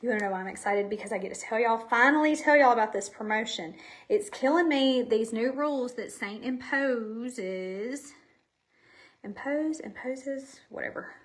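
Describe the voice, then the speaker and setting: A woman's voice: a little high, normal speed. A woman, chatting casually and a little out of breath while hosting a makeup live stream from home, rambling and talking straight to her viewers. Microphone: camera facing her.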